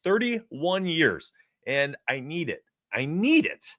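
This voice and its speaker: Bright-voiced excited man hosting live. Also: a little high, slow pace, no room sound, clean studio sound. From New York. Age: 40s. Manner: energetic, talks straight to chat. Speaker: sports betting show host. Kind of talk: casual live-stream chat.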